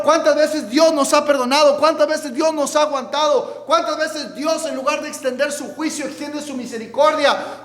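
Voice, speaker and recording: A male pastor preaching a midweek Bible study sermon, often calling out to the congregation and asking them questions, rising at times to a shout. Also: extremely high pitch, big-room sound. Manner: preaching with repeated calls of "hermano" and questions to the congregation. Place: church sanctuary.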